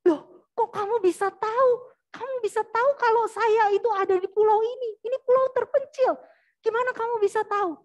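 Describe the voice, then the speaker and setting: Woman putting on a shrill angry castaway man. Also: a little fast. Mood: astonished. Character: stranded male castaway, desperate and complaining.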